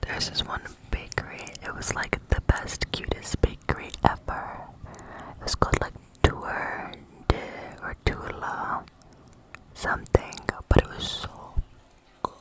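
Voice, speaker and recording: An ASMR vlogger chatting in a soft unvoiced whisper, rambling with many fillers and eating between remarks. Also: a little slow, poor audio. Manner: chewing and eating sounds between talk.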